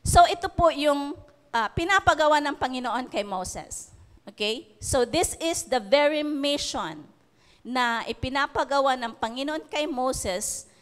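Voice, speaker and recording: High-voiced Filipino woman preaching in a hall. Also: lively intonation, unhurried. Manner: punctuates with "okay?" and "di ba?". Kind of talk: sermon in Taglish, reading scripture aloud.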